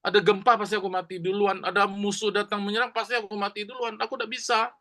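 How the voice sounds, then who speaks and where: Brief: preacher playing an ill, helpless man, bright strained tone, desperate pleading. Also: sits high, flat delivery, quick pace, voice pushed up.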